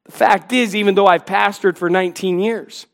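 A man's voice: high voice, steady tone, normal speed, creaky, fairly bright tone. A man in his forties, a pastor, preaching a sermon in an earnest, emphatic way with self-deprecating asides, in a church. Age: 40s.

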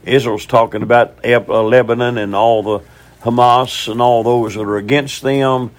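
A man's voice: mid-range voice, fairly even intonation, normal speed. Man, preacher, teaching sermon, folksy, conversational, asks questions.

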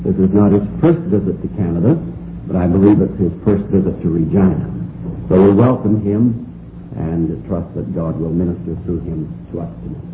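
A man's voice: deep voice, moderate pace. A man giving a formal church introduction as host of the evening. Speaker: host introducing guest preacher. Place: echoing church. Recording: muffled phone-like, echoey, humming noisy tape.

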